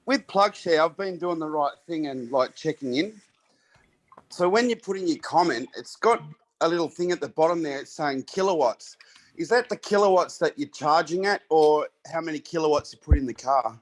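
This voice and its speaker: A man's voice: fairly high pitch, lively intonation, moderate pace. A man on a video call, asking a straightforward question in a casual group chat.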